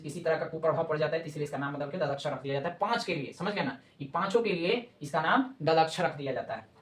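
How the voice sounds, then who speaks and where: A teacher talks through a grammar lesson at a brisk clip, posing rhetorical questions and answering them at once. Key terms come back again and again for emphasis. The voice carries a noticeable room echo. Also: medium pitch. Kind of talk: online Hindi grammar lesson.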